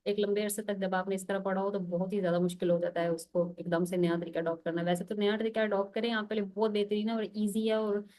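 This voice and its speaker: Female teacher, patient and methodical, voice at a middle pitch, sounds out letters one by one. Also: little pitch movement, quick pace, hardly any pauses, mellow. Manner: patient, repeats "okay" to check understanding. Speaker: Quran recitation teacher. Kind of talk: online lesson.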